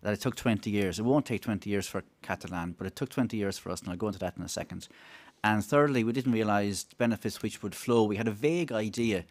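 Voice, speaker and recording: A middle-aged Irishman with a thick Wexford accent speaks in a fairly low voice. He talks informally from a panel table, with a wry, self-deprecating touch, into a desk microphone. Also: fast. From Wexford, Ireland. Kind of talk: conference talk, speaking informally. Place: conference room, seated at a table. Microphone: gooseneck table microphone.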